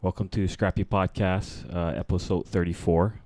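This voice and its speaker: Laid-back low-voiced podcast host. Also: male voice, little pitch movement, moderate pace, a little mellow, no room sound. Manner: laid-back, with many fillers. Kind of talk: casual interview chat.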